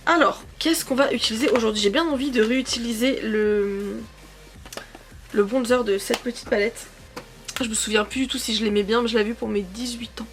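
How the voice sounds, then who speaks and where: Chatty young woman, slightly high voice. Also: steady tone, a little fast. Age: 20s. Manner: chatty, rambling, self-correcting with many fillers. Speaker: beauty vlogger. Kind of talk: casual makeup chat. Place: sitting on her couch at home.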